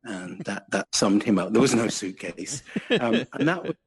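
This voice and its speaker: A man in his sixties tells anecdotes as a podcast guest. His voice is husky. He tells them in an animated, self-mocking way. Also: on the low side, normal speed. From England. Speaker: guest musician. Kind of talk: anecdotal interview chat.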